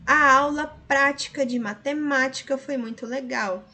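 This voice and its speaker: A woman's voice: sits high, moderate pace, sharp tone. A woman teacher with a Brazilian Portuguese accent, patiently going over answers step by step in a recorded lesson. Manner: patient, explaining step by step with frequent tag questions.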